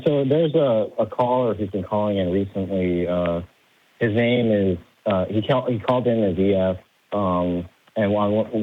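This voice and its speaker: A man's voice: on the low side, a little hiss or hum. A man calling in to a show, his voice muffled and fuzzy as if heard through a door, talking earnestly and courteously. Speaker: caller to a call-in show. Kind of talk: call-in conversation. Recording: muffled, fuzzy phone-like call line.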